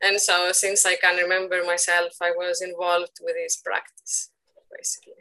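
Bright-voiced Greek woman in her thirties. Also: fairly low pitch, little pitch movement, moderate pace, poor audio. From Greece. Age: 30s. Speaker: guest artist. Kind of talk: casual interview conversation.

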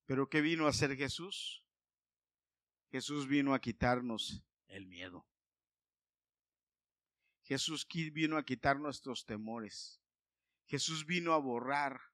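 A man preaching a sermon, emphatic and building to loud declarations. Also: mid-range voice, dry recording.

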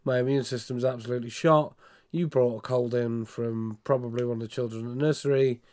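A Scottish man chats casually as a podcast co-host. He sounds full of man flu, with a blocked, nasal tone and a husky edge. His pitch sits in an ordinary middle range. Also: steady tone, brisk, a little mellow. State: ill with a cold: congested, blocked nose, cough, "man flu". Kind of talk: casual chat.

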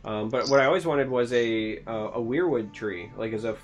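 A man's voice: medium pitch, normal speed, lo-fi sound, soft background music. A man from Michigan co-hosting a casual chat, wry and self-deprecating in his jokes. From Michigan, United States. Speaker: co-host.

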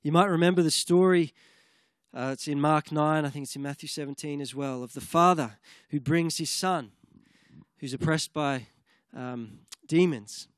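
Male preacher, earnest sermon, fervent prayer, slightly higher voice, dry close sound. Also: moderate pace, no echo.

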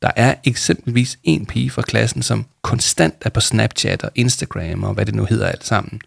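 A man reading aloud voices Paul, a calm and gentle adult counsellor. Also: on the low side, gravelly, husky, no room sound, studio quality, heavily acted.

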